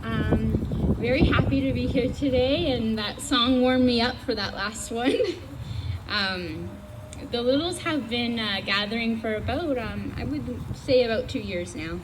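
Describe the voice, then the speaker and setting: A woman's voice: a little high, a little slow. A woman introducing her singing group's song at an outdoor event, friendly and hesitant with many fillers. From Canada. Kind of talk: introducing a performance. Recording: loud traffic noise outdoors.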